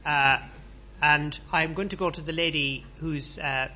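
A man chairing a public debate, polite and brisk as he thanks speakers and picks the next one. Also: a little high, fairly even intonation, pushed and bright, dull audio, slight background noise. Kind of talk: moderating a debate.

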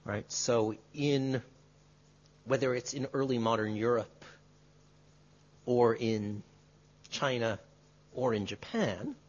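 A male history professor answering an audience question in a measured, qualifying way, often adding tag questions. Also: mid-range voice. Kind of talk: academic lecture Q&A. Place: lecture room. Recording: dull lo-fi lecture recording.

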